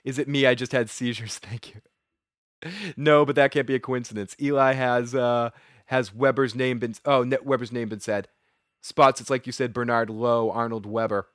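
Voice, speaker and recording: A man's voice: mid-range voice, steady tone, normal speed, no echo, studio quality. A man with a Boston accent and a head cold, chatting casually through an episode recap, rambling with plenty of restarts and repeated words. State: sniffly with a cold. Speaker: TV episode reviewer.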